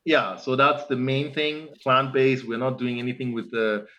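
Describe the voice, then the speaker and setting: Here a man in his forties from Germany, a founder, guests on an interview and chats at a moderate pace in a medium-pitched voice. He's relaxed and rambling, filling his talk with plenty of "you know."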